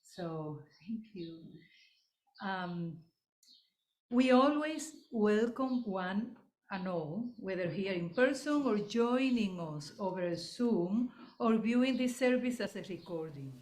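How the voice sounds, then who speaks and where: A woman minister welcomes the congregation and leads a calm opening prayer, slipping into Spanish phrases for parts of it. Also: medium pitch. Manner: calm, unhurried, leads a guided breath and prayer. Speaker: church minister leading the service. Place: church service hall. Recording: echoey hall, faint room noise.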